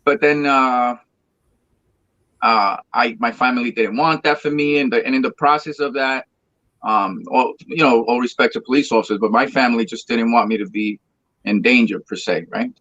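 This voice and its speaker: Chatting casually as an interview guest, a Spanish-speaking singer from Colombia in his thirties rambles through his story, often repeating words and starting over. He talks at a moderate pace in a mid-range, slightly bright voice, on a muffled recording with no room sound.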